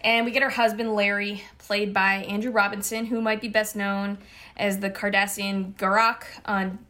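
A woman's voice: mid-range voice, level tone, normal speed, bright, forceful tone. A woman co-hosting a casual podcast chat, gushing about films and sharing trivia. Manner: enthusiastic, gushing film trivia. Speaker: podcast co-host.

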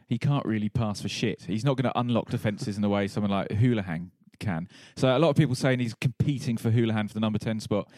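A relaxed man talks football with a co-host, weighing up players at an easy pace. His voice sits a little low. The sound is dry and close, with no room around it. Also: no echo. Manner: laid-back, analytical, laughs often. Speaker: podcast co-host. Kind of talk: casual football chat.

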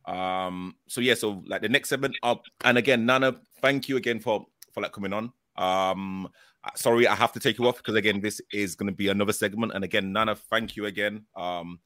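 A man's voice: lowish voice, steady tone, fairly quick, sharp tone, dry recording. A man casually hosting a live show, speaking in a hesitant, repetitive way with many filler phrases. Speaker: host.

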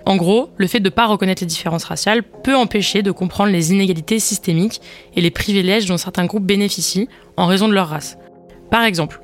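A podcast host reading a scripted explanatory segment in a steady, explaining manner. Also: mid-range voice. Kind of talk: scripted narration.

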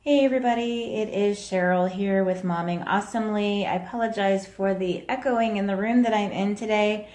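A woman's voice: mid-range voice, a little mellow. A woman hosting a casual live video as a mom coach, chatting with viewers and reacting to their comments, recorded in an echoey room. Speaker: podcast host and mom coach.

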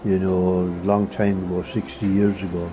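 An older Irish man with a Kerry accent reminiscing in a hesitant, halting way. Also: sits low, little pitch movement, over music, rough recording. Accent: County Kerry, Irish. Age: 60s or older. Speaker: interviewee. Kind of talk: unscripted reminiscence.

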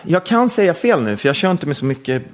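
A middle-aged man, a musician guest, chatting casually in an interview with lots of fillers and rambling asides. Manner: rambling, many fillers, animated pitch jumps.

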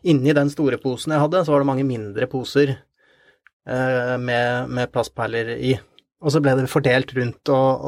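A man telling a story in an interview, halting and repeating words with many fillers. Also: mid-range voice, no room sound, studio quality. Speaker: interview guest. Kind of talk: conversational storytelling.

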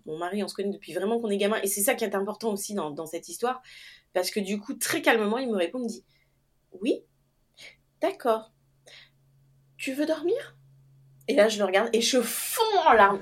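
Animated woman telling a personal story. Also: fairly high pitch. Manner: animated, acts out quoted dialogue, laughs often. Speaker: guest telling her birth story.

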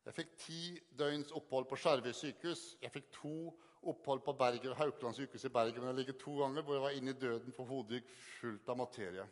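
An older man giving an earnest, halting personal testimony to an audience, often repeating words for emphasis. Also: medium pitch. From Northern Norway. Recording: long hall reverb.

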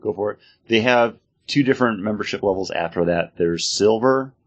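A man with an American accent speaks in a low, husky voice. He explains things casually and with a fan's enthusiasm, as a co-host in an informal chat. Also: normal speed. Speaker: podcast co-host.

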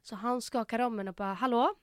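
A woman's voice: a little high, dry recording, studio quality. A young Swedish-speaking woman co-hosting a podcast, telling a story animatedly in casual chat and acting out the quotes. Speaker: podcast co-host.

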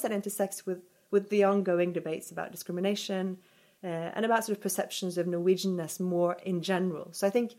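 A woman's voice: lowish voice, darkish tone. A woman researcher answering interview questions thoughtfully, with frequent fillers and hedges. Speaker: researcher guest. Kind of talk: podcast interview.

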